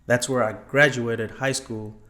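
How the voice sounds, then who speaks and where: A man's voice: medium pitch, fairly even intonation, a little slow, pushed and bright. A young man from Thailand answering interview questions politely, often saying yes sir and um. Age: young adult. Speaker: guest, former college student.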